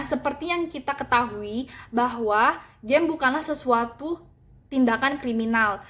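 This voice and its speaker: Young woman from Indonesia, high voice, student class speech, earnest read with fillers. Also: fairly bright tone. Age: young adult. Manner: earnest, with filler sounds and restarts. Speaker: university student giving a speech.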